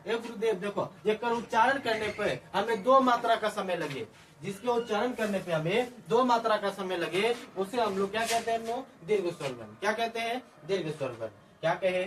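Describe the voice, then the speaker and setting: A man teaching a grammar lesson, who keeps asking questions and answering them himself in a drilling way. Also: high-pitched. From Bihar, India. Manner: repeats questions and answers in a drilling call-and-response way. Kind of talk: classroom-style grammar lesson. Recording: distant mic with faint background noise.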